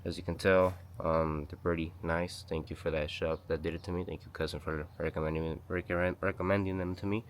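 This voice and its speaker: In his home garage, a man who runs a DIY car-repair channel walks through a how-to while sick and losing his voice. His low voice is flat and brisk with few pauses, and he rambles in a casual, slangy way, correcting himself as he goes, with slight background noise behind him.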